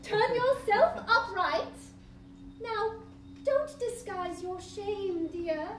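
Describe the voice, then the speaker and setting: Woman as a very high-pitched comic talk-show doctor. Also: drawn-out words, heavily acted. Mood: reassuring. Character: female sex-advice doctor hosting a talk show for creatures. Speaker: show host. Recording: echoey live venue, distant, noisy audience.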